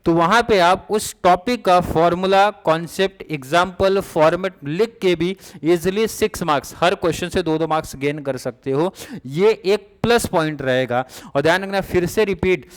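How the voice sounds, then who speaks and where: Young man, teacher, casual revision lesson, checks understanding often, slightly high voice. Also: moderate pace, clear, resonant tone.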